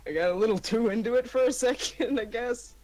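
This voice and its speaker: A woman's voice: a little high, a little fast, darkish tone. A woman playing in a tabletop game, chatting casually with a playful manner. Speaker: player. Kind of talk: casual chat.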